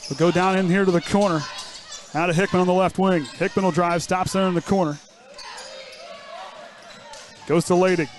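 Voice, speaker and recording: A man calling play-by-play for a high school basketball game, with joking banter between plays. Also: fairly even intonation, normal speed, pauses often, a little hiss or hum. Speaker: play-by-play announcer. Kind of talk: live basketball commentary.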